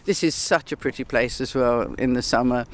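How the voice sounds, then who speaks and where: A woman in her sixties from England, with an English accent, chats casually as an interview guest on an outdoor bench. She laughs often and pokes fun at herself. Her voice is very deep and her pace moderate.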